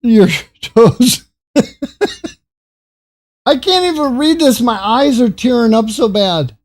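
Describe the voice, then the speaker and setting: A man's voice: extremely high pitch, animated, takes it slowly. An older man chatting casually with viewers on a gaming livestream, joking and breaking into laughing fits between lines. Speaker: gaming streamer.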